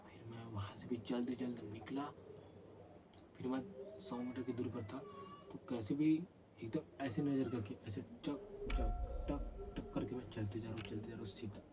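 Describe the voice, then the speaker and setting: Animated man telling a ghost story. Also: mid-range voice, unhurried. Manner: animated, acts out sounds and scenes. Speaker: vlogger. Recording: noisy background.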